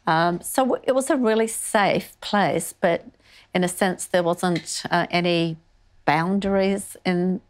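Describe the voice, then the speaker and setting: An older woman, an artist born in northern Greece who moved to Australia as a child, speaks slowly in a fairly low voice during a reflective conversational interview. She is candid and thoughtful, recorded on a lapel mic in an indoor wood-panelled art studio.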